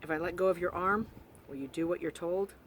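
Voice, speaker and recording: A woman's voice: fairly low pitch, a little fast, lightly acted. A woman reading aloud as a strict male staff escort who gives curt orders, with vehicle noise behind her.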